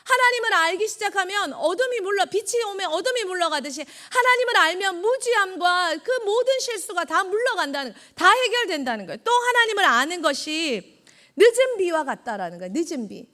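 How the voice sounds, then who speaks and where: A woman preaches a children's sermon in a high, bright voice. Her pitch swoops up and down. She keeps quizzing the children and repeating their answers back to them. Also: very animated, brisk. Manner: acts out God's words in quoted lines. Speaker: junior evangelist.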